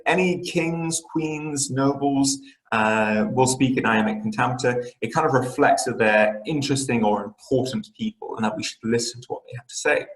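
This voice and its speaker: Man teaching literature in a roomy space. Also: mid-range voice. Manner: explanatory, frequent fillers and restarts. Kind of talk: online lesson lecture.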